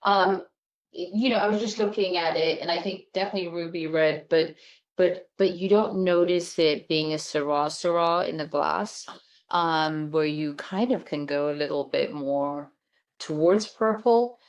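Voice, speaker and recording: A woman's voice: fairly low pitch, moderate pace. A woman hosting a casual wine-tasting chat as a sommelier, explaining in a chatty teacher's way. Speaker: sommelier host. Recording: dull lo-fi recording.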